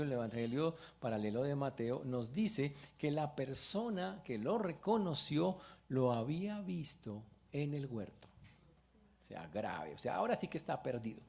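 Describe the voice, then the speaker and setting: A man preaching a sermon as pastor in church, retelling a story with lively exclamations. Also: a little high, gravelly.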